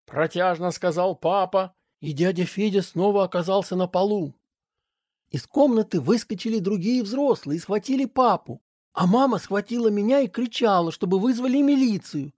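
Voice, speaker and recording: A woman narrating a story and voicing its characters in an expressive reading. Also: medium pitch, moderate pace, no room sound, studio quality. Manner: expressive reading with acted voices.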